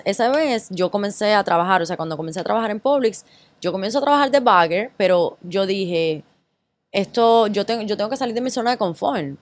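Female interview guest, Cuban accent, animated storyteller who slips into Spanglish. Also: mid-range voice. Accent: Cuban Spanish. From Cuba. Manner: lively storyteller, mixes English words into Spanish. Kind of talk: casual interview chat.

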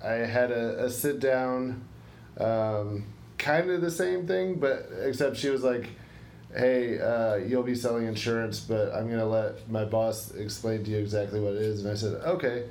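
A young male podcast co-host chats casually at normal speed in a mid-range, slightly mellow voice, rambling and hesitating with many fillers. The room sounds roomy, with a faint hiss.

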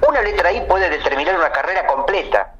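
An Argentine man with a Rioplatense accent, co-hosting a podcast with playful, drawn-out comic riffs. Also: sits high, expressive, fairly bright tone, highs cut off. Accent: Rioplatense Spanish. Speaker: podcast co-host. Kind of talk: comedic podcast banter.

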